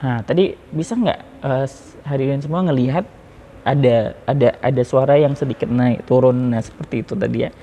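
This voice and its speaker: A man giving a relaxed lesson on preaching technique, talking in a chatty way with many fillers and restarts. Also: medium pitch, normal speed, a little hiss or hum. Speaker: public speaking teacher. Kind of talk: informal lesson on preaching delivery.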